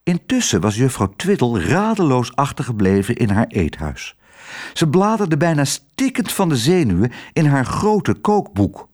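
A man narrating a children's storybook in an expressive way. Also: mid-range voice, measured pace. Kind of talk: storybook reading.

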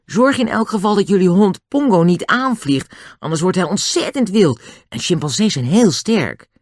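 A friendly young circus boy from a children's storybook, as a reader puts him on. His voice is pitched well up and calls out freely. The recording is close and dry. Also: expressive, normal speed, no echo, natural voice. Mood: coaxing.

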